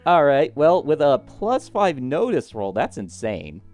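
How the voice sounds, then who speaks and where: A man's voice: on the high side, big pitch swings, unhurried. A man running a tabletop game as game master, narrating casually with frequent fillers. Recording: soft guitar music behind.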